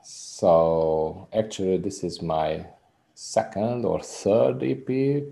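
Deep, gravelly and dark, this Hungarian-accented voice belongs to a musician in his thirties being interviewed casually in English. He takes his time, earnestly rambling about his work and restarting his sentences.

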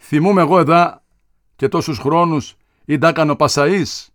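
A man's voice: mid-range voice, sing-song, no echo, clean studio sound, lightly acted. A man reading aloud and voicing a grave, taciturn old captain recalling his childhood.

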